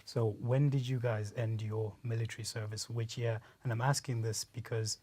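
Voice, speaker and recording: A man moderating a radio debate, asking measured, structured questions. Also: mid-range voice, flat delivery, darkish tone, breathy edge, dry recording.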